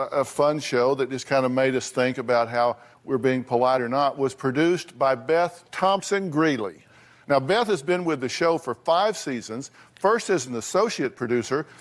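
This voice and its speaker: A man hosting a studio talk show in an easygoing, folksy way. His voice sits in a middle range and he speaks in plain chat. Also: mid-range voice. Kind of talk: casual chat.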